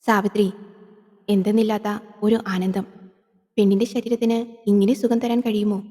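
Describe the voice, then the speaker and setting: A woman's voice: mid-range voice, little pitch movement, normal speed, warm tone, in a large hall, natural voice. A woman voicing a timid, simple-hearted male village servant in a horror audio drama, who speaks fearfully and hesitantly.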